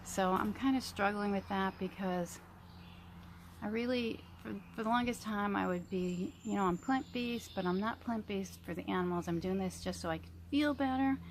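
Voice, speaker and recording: A woman in her early fifties chatting casually to viewers as a vlogger, rambling reflectively and pausing mid-sentence. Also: medium pitch, noisy background. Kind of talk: casual chit-chat mukbang vlog.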